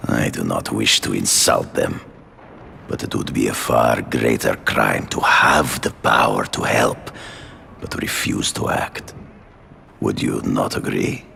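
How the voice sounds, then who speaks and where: A grandiose game villain, a hunter with a cavernously deep, heavily gravelled voice. He declaims like a hammy stage actor, slow, formal and grave, with great self-assurance. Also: bright, forceful tone, slight background noise, full character voice. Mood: forceful, righteous. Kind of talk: video game voice acting.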